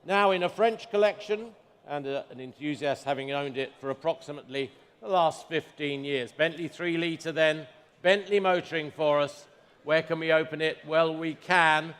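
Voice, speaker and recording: A man's voice: fairly high pitch, moderate pace, a bit bright, clean tone. A man working as a fine art auctioneer, calling bids to a saleroom and repeating figures in clipped phrases. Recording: reverberant large hall.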